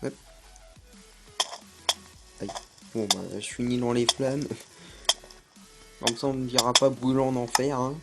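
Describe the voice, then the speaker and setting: A man's voice: mid-range voice, little pitch movement, a little slow, long pauses, over loud music. A young man giving casual gameplay commentary, hesitant and full of fillers. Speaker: gaming YouTuber.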